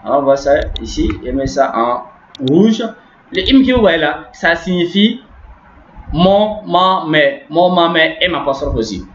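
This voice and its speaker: A man's voice: a little high, expressive, measured pace, slight background noise. A man teaching a grammar lesson step by step, repeating words and often checking understanding. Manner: repetitive, explaining step by step with frequent "n'est-ce pas". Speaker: language teacher. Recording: echoey room, dull lo-fi sound.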